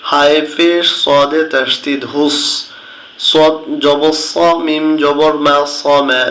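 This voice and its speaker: Slow-spelling male Quran teacher, echoey. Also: a little high, flat delivery, fairly bright tone. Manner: slow, drawn-out spelling and chanted recitation. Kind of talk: spelling-out recitation lesson. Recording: echoey room.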